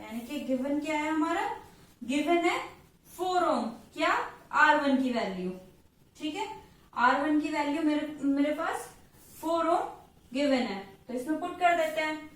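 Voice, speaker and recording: A woman's voice: high voice, lively intonation, fairly bright tone. A woman with an Indian accent, a physics teacher who explains a worked example step by step in a patient way and keeps checking in with her students. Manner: patient, checks in with "theek hai" after each step, writes out formulas slowly. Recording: echoey room, voice far from the mic.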